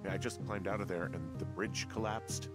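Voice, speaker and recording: A man's voice: low voice, normal speed, over loud music, lightly acted. An actor voicing a wary male fire lookout, speaking in a dry, sarcastic, understated way. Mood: wry. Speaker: game character.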